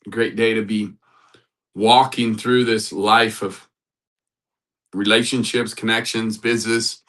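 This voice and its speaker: A man's voice: lowish voice, level tone, unhurried, fairly bright tone, low-quality recording. A man hosting a casual live stream as a matchmaker, upbeat, greeting viewers in the chat and repeating motivational phrases. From United States. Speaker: livestream host and matchmaker.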